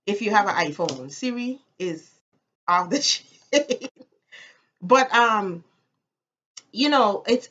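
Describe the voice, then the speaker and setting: A woman from the Virgin Islands with a Caribbean accent speaks in a slightly high, fairly bright voice on a lo-fi recording. Talking casually to camera about personal matters, she's emphatic and strongly opinionated, repeating phrases for stress.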